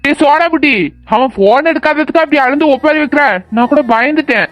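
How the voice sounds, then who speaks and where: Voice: high voice, fast, highs cut off, natural voice. An actor voicing a teasing young friend. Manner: mocking, playful.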